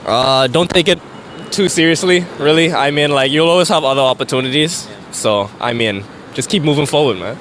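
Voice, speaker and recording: A man who works as a fashion model, answering street interview questions in a relaxed, loose way with lots of fillers. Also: fairly high pitch, fairly quick, slight background noise. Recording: music playing in background.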